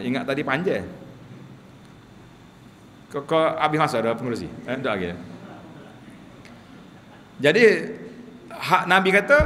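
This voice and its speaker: A man's voice: on the high side, fairly bright tone, big-room sound. Religious teacher guy, tells funny stories, faint noise in the back. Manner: humorous storytelling, acts out quotes. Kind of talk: sermon lecture.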